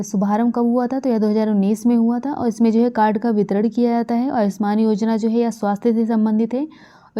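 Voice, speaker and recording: With a dark tone and a pitch on the high side, this woman from India runs through current affairs for exam preparation. She restates key points and fills her speech with fillers, and the audio is dull and lo-fi.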